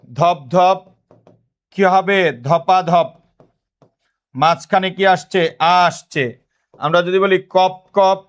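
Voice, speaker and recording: A man from Bangladesh with a high voice leads an online lesson. He keeps asking the class questions and answering them himself, and he dictates notes in short, repeated phrases. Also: lo-fi sound. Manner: repetitive call-and-response questioning. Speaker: teacher.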